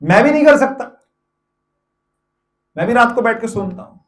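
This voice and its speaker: A man's voice: very high voice, expressive, moderate pace. A middle-aged man giving a devotional discourse to a gathering, asking rhetorical questions and answering them himself, often repeating phrases for emphasis. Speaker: spiritual teacher. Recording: echoey room.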